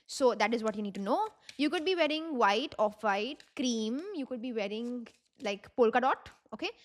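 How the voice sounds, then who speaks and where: A woman's voice: on the high side, lively intonation, normal speed. A woman with an Indian accent gives an informal tarot reading, mixing Hindi phrases into her English and addressing the listener directly. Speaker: tarot reader and video host.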